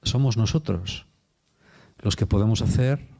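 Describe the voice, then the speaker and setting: A man's voice: on the low side, unhurried, dark tone. A man with a Spain Spanish accent preaching a sermon in an informal, chatty storytelling way, with casual slang. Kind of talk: conversational sermon.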